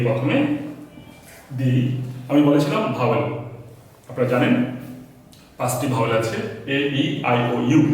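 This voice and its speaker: A man's voice: medium pitch, slight background noise. Bangladeshi male English teacher at a board, repeats and spells out examples, recorded in a very echoey room from a distant mic. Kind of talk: spoken grammar lesson. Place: classroom with a board.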